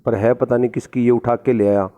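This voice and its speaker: A man voicing a kindly, protective talking tree in a storybook play, read aloud a little higher than his own voice. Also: flat delivery, brisk, warm tone, lightly acted. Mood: concerned.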